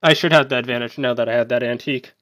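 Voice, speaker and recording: A man giving casual gameplay commentary, thinking aloud as he plays and breaking into sudden excited outbursts. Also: mid-range voice, racing, no room sound. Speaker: gaming YouTuber.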